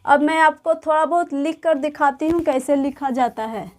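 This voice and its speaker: A woman teaching beginners to read and write, explaining patiently and repeating each word and letter slowly. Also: high-pitched. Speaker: Urdu teacher. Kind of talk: slow explanatory lesson.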